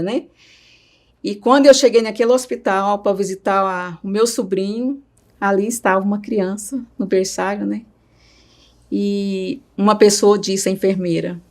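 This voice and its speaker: A woman's voice: mid-range voice, steady tone, normal speed, a little mellow. A middle-aged woman with a Brazilian Portuguese accent, telling a personal story as an interviewee with much feeling and often tagging her sentences with a questioning "right?". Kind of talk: personal testimony.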